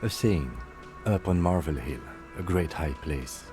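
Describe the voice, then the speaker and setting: A man voicing a calm, dry police lieutenant in a video game, speaking in a matter-of-fact way. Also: very deep voice, a little slow, pitched below the performer's own voice. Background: game music.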